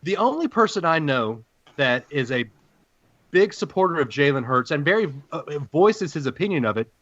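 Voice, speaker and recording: Male podcast host, deep Southern accent, slightly high-pitched, folksy showman delivery in casual sports chat. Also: big pitch swings, moderate pace, fairly bright tone, no room sound, highs cut off.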